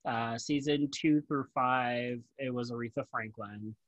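A man's voice: medium pitch, steady tone, unhurried, dry recording, muffled recording. Casual man hosting a podcast. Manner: informal, self-deprecating, swearing. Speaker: podcast host. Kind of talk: casual chat.

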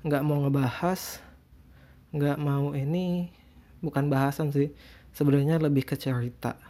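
A man's voice: a little high, steady tone, unhurried, mellow. A man with a speech impediment on his r's chats casually as a solo podcast host, hesitant and rambling. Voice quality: speech impediment, cannot pronounce r cleanly (cadel). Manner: hesitant, rambling, self-deprecating.

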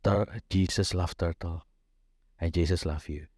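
A man preaching a sermon as pastor, mixing Indonesian and English, telling a story and slowing down to stress key points. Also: sits low, steady tone, a little mellow, dry recording, clean studio sound. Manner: switches between Indonesian and English mid-sentence; slows down for emphasis, storytelling delivery.

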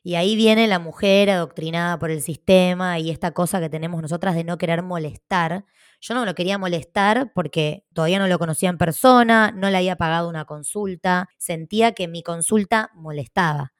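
A woman's voice: fairly low pitch, a little fast, dry recording, clean studio sound. A woman with an Argentine accent, a podcast co-host telling a personal story in casual, frank talk, swearing now and then. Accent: Argentine Spanish.

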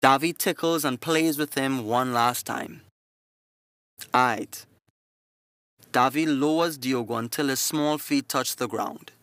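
A man reading a scripted story in a steady, descriptive narrating manner. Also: medium pitch, moderate pace, hardly any pauses, no echo.

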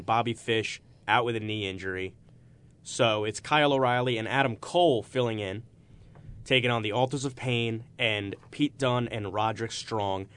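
A man's voice: mid-range voice, fairly bright tone, smooth. A man hosting a podcast with casual, enthusiastic and emphatic sports talk. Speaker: podcast host.

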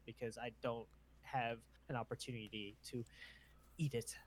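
A man's voice: medium pitch, steady tone, moderate pace. A man co-hosting a podcast, chatting casually in a playful, agreeable way. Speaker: podcast co-host. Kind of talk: casual chat.

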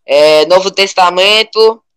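A young man with a Brazilian Portuguese accent, chatting casually in a rambling, animated way full of slang. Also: high voice, slow, slight background noise.

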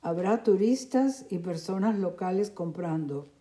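A woman voicing a calm, cheerful middle-aged mother who speaks soothingly, in a storybook reading. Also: on the low side, a little slow. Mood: reassuring. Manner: soothing, reassuring.

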